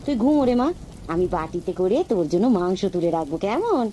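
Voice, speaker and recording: A woman voicing a caring village mother in a cartoon, motherly and quick to exclaim. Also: lowish voice, sing-song, mellow, a little hiss or hum. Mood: soothing.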